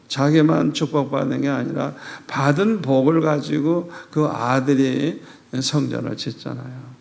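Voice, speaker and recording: Gravelly older male pastor preaching. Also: on the high side. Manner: animated storytelling, acting out prayers and quoted dialogue. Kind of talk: revival sermon.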